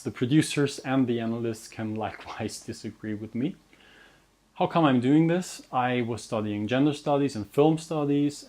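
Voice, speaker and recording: This young adult host and researcher reads a scripted introduction to his interview series straight to camera. His voice is mid-range and a little mellow, and he speaks English as a second language with an Austrian German accent. He's earnest and self-deprecating, frequently restarting words.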